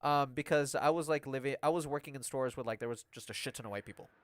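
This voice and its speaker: A man's voice: medium pitch, fast talker, no room sound, clean studio sound. A young man casually chatting on a live game stream, rambling with lots of "like" and "um". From Mexican-American. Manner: rambling and chatty, full of "like" and "um", laughing often.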